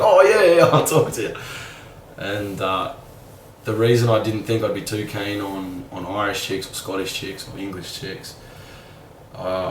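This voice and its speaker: A young man, musing casually and candidly in a rambling vlog monologue full of "like". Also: low-pitched. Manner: rambling, candid, fillers like "like", mild swearing. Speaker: vlogger. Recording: roomy sound, a bit far from the mic, faint background hum.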